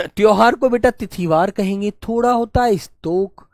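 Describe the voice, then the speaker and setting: A man teaching an online Hindi class, listing word pairs in a steady drill and calling his students "beta". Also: high-pitched, unhurried, dry recording, clean studio sound. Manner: affectionate, calls students "beta"; clears throat now and then. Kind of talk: online exam-prep class.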